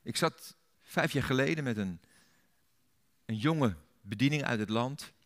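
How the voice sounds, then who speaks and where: A man with a Dutch accent preaching in a church, telling a story and rising to loud, emphatic peaks. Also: mid-range voice, animated, measured pace. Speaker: pastor. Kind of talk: sermon.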